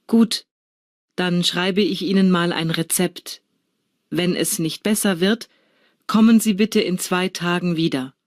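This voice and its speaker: A woman acting a polite, businesslike doctor in a scripted language-exam dialogue, speaking clearly. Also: fairly low pitch, fairly even intonation, unhurried, no room sound, studio quality, natural voice. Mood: polite, attentive. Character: female doctor, polite and businesslike, seeing a patient.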